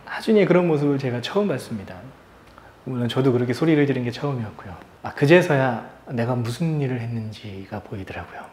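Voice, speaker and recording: A man's voice: mid-range voice, lively intonation, quick pace, reverberant. A man in his thirties, a pastor preaching a sermon and telling a personal story, his voice rising and dropping as he acts out what people said. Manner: storytelling, acts out quoted voices softly and loudly. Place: church sanctuary.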